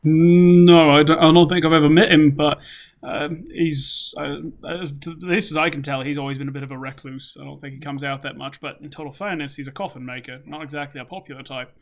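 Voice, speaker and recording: A man's voice: a little high, steady tone, a little fast. A man narrating as game master in a tabletop game, often stumbling and restarting as he describes the scene.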